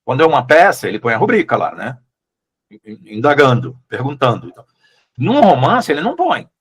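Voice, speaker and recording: A Brazilian man, a literary translator, talking through his choices in a relaxed interview, with frequent restarts and questioning tags. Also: medium pitch, fairly quick, husky. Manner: thoughtful, hesitant, many restarts and "né?" tags. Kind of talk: casual conversational interview.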